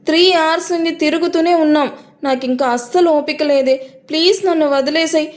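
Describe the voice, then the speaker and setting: A woman's voice: high-pitched, fairly quick, voice pushed up, natural voice. A woman voicing a tired but loving young man in a romance audio story, whining about shopping and then sweet-talking. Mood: weary complaining. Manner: weary complaining, then romantic. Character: tired, fond young man, playful fiancé.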